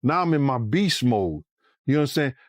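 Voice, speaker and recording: Animated man telling a story, profane. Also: mid-range voice, fairly quick, no room sound, studio quality. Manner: animated, profane, acts out quoted voices loudly. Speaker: former bodyguard. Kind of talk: casual storytelling interview.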